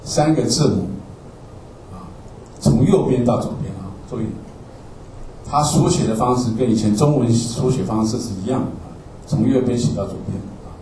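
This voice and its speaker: A man's voice: mid-range voice, normal speed, pauses often, dark tone, a little hiss or hum. A man teaching a Bible class from slides, explaining word by word, repeating himself and often checking in with "okay?". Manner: repetitive, explanatory, ends phrases with "ah" and asks "okay?". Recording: roomy, distant mic with faint ambience.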